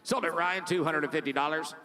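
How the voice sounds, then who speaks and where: A male auctioneer with a bright, forceful voice pitched a little high. He rattles off bids very quickly in a rhythmic, repeating chant. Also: fairly even intonation. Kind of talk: live auctioneer's rapid rhythmic bid-calling chant with short lot descriptions.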